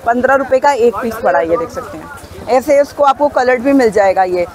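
A woman's voice: on the high side, lively intonation, brisk, crowd noise, poor audio. A woman filming a walking tour of an outdoor wholesale market on her phone, chatting to viewers about prices and bargaining with sellers. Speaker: shopping vlogger.

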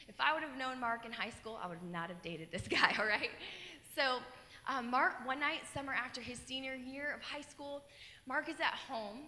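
A woman's voice: a little high, a little hiss or hum. A young woman from Colorado giving a keynote testimony on stage, telling her story earnestly into a handheld mic. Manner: earnest storytelling, animated gestures. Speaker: keynote speaker. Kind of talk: personal testimony talk. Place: large dark stage in an auditorium. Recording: long hall reverb.

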